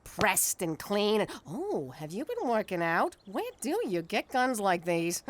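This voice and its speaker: A woman's voice: medium pitch, big pitch swings, measured pace. A woman voicing a brash, flirty mobster wife in a cartoon.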